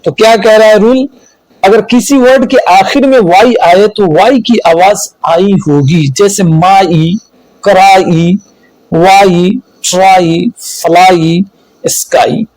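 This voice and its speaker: A man teaching English spelling rules, slow and deliberate, repeating each rule and listing examples. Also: high voice, a little mellow, dry recording, low-quality recording. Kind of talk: spelling lesson explained in Hindi.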